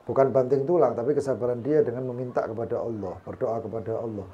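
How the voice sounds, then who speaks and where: A man's voice: medium pitch, fairly even intonation, fast talker, lo-fi sound, slight background noise. A man with a Javanese accent teaching an Islamic study session, weaving Arabic quotations and humorous asides into his sermon. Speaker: religious teacher.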